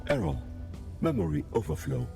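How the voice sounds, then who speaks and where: A man's voice: mid-range voice, huge pitch swings, normal speed, vocal fry, over music, heavily acted. A man voicing a stern male security robot that guards a station and answers with rigid, repetitive rule-bound replies in a video game.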